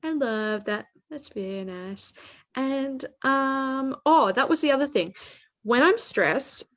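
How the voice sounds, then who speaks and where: A young woman, co-hosting a casual chat about relaxing media, bubbly and quick to laugh. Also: high voice, expressive, fairly bright tone. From Australia. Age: young adult. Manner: bubbly, laughs often, says "like" a lot. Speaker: co-host.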